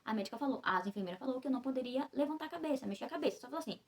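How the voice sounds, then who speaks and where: Fast-talking husky young woman. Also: high voice, lively intonation. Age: young adult. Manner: rambling, full of fillers and self-corrections. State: recovering after childbirth. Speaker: vlogger. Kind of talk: personal storytelling.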